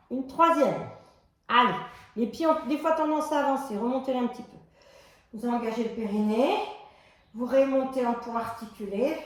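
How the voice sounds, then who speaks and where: A fitness instructor with a high voice leads a floor exercise class, calling out calm, step-by-step cues timed to the breath. The very echoey exercise room makes her voice ring.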